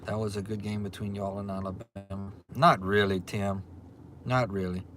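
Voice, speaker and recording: With faint music and restaurant ambience behind him, a forties-aged livestream host with a Louisiana accent reads and answers viewer comments at a moderate pace. His voice sits on the low side, fairly bright with little pitch movement, and his relaxed manner includes frequent repetition.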